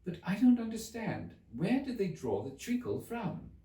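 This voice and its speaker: Man doing a curious polite young girl who gets huffy, storybook read, higher voice, roomy sound. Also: very animated, normal speed, mellow, far from the mic. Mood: puzzled. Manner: questioning, indignant. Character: polite but easily offended, puzzled curious young girl.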